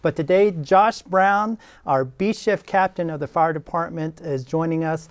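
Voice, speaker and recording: Man, interviewer, friendly, laughs a lot, higher pitch, casual chat. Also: a little slow, smooth, no room sound. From Texas Panhandle.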